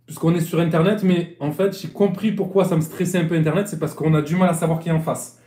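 Marseille guy coaching sailing on a live stream, bit high voice, rambles and restarts, echoey sound. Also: steady tone, fast, warm tone. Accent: Marseille French. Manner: chatty, rambling, repeats and restarts. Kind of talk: casual live-stream lesson. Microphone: live-stream phone or webcam.

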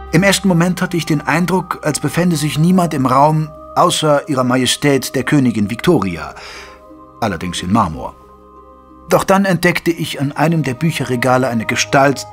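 An actor playing a gentleman doctor who narrates a German detective radio play in a measured, formal storytelling manner. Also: medium pitch, close to an everyday voice. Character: gentleman doctor recounting his detective friend's cases. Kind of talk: scripted first-person radio play narration.

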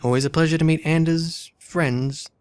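A man voicing a composed, frank woman in a text adventure game, read calmly and plainly. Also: fairly high pitch, normal speed, smooth, dry recording, lightly acted. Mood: earnest.

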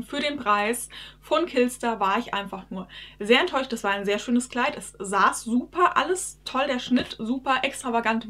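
A woman with a somewhat high voice chats casually to her viewers in a haul vlog. She talks straight to the camera in a friendly, chatty way. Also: a bit bright. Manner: chatty, addresses viewers directly. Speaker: YouTube vlogger. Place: her bedroom.

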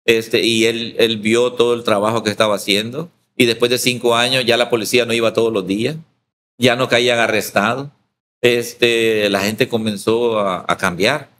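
Salvadoran pastor telling a lively testimony. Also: male voice, mid-range voice, normal speed, a little hiss or hum. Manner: lively storyteller, acts out quoted dialogue. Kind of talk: storytelling testimony in interview.

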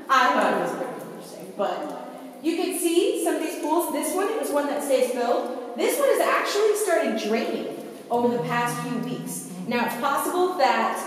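A woman's voice: high-pitched, a little hiss or hum. A woman giving a casual, chatty guided tour inside a cave, recorded from a distance with a strong cave echo. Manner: casual, chatty, frequent fillers. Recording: echoey cave from far off.

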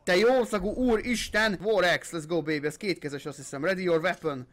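This young man commentates his gameplay with a high voice, hyping himself up and dropping curses. He throws English gamer phrases into his talk and gets loud in fights. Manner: excitable, swearing, hyped-up shouting. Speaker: gaming channel host. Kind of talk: let's play commentary.

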